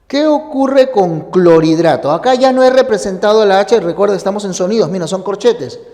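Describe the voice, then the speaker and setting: A male language teacher with a high voice who explains each point step by step. He asks the viewer questions as he goes. The recording carries a long hall reverb. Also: moderate pace, dark tone. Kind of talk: recorded spelling lesson.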